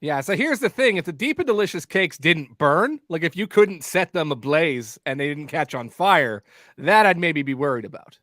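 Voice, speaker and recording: Brief: male podcast guest, fairly high voice, jokey banter, dry close mic. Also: animated, normal speed, fairly bright tone, no echo. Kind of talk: casual podcast chat.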